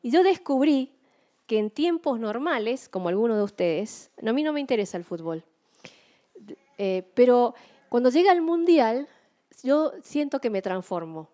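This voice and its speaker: A middle-aged woman preaching a sermon, telling stories in an animated way and acting out her own excited shouts. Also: fairly high pitch, moderate pace.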